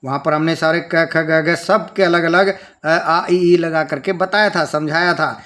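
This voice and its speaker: A man's voice: a little high, fairly even intonation, measured pace, a bit bright. A man teaching a children's language lesson, patiently breaking words into sounds and spelling them out step by step.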